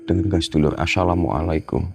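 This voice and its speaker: A man filming a night ghost-hunt vlog outdoors, talking to his viewers in a hushed, tense voice and often murmuring prayers. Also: low voice, a little fast, creaky, slight background noise. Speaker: ghost-hunting vlogger.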